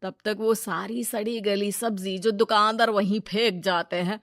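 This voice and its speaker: A woman's voice: medium pitch, fairly even intonation, a little slow, a bit bright, no room sound, studio quality. A woman voicing a greedy, scheming male moneylender in a village moral story cartoon, brusque and bossy.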